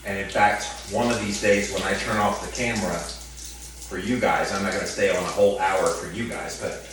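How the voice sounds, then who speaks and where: A man chatting calmly and instructively to viewers while standing under ice-cold shower water, stretching and repeating words for emphasis. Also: deep voice, normal speed. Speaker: vlogger doing a cold-water challenge. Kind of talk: casual instructional vlog chat. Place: open shower in a hotel bathroom. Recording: echoey bathroom, distant mic, noisy running water. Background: running shower water.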